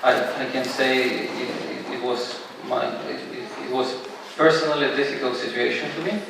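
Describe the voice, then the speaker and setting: Gravelly even-toned male interpreter, distant. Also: medium pitch, noisy background. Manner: halting restarts while interpreting. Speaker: moderator and interpreter. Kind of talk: consecutive interpreting on a panel. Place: large exhibition hall, indoors. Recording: distant mic in an echoey hall.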